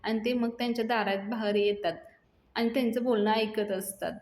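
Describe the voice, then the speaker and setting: A woman's voice: a little high, fairly even intonation, a little fast, a little mellow. A woman reviewer retelling a TV serial episode in a chatty storytelling way with fillers. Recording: echoey room.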